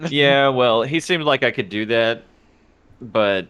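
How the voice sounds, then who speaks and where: A man's voice: mid-range voice, takes it slowly, fairly bright tone, smooth, lo-fi sound. A man playing a warrior in a tabletop game, joking crudely with friends. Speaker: player. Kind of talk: casual tabletop game chat.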